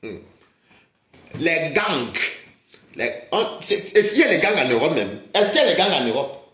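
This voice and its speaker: A man's voice: a little high, very animated, moderate pace, bright, forceful tone. An agitated man hosting a livestream, scolding and mocking his viewers in a heated rant and calling them maman. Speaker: livestream host. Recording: roomy echoey sound.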